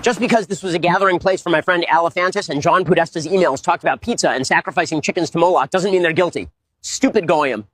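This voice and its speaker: Man doing a husky, smug dismissive pundit. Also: a little high, fast talker, fairly bright tone. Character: smug, dismissive male pundit in news parody.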